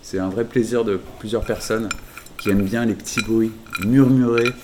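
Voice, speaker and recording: A man's voice: on the low side, steady tone, normal speed. A young man co-hosting a casual podcast among friends at home, playful and teasing as he runs the countdowns. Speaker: podcast co-host. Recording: noisy home recording.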